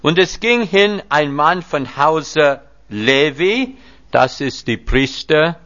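A man's voice: on the high side, expressive, slow pace, fairly bright tone, no echo. Man preaching with wry humor, dull recording. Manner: teaching, with wry humorous asides. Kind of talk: sermon with Bible reading. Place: church hall before a seated congregation.

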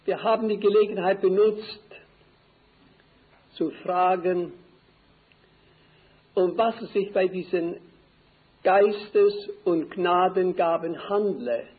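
An older man preaching a sermon slowly and deliberately, repeating key phrases for emphasis. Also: high voice, fairly even intonation. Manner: slow, deliberate, emphatic repetition. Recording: tinny phone-like old recording.

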